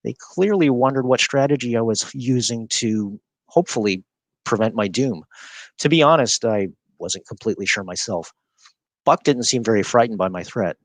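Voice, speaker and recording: A man reading a children's story aloud, expressive and animated. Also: mid-range voice, normal speed, no echo. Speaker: reader.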